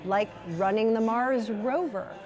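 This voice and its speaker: A woman's voice: on the high side, a little slow, darkish tone. A woman giving promotional interview remarks as a spokesperson.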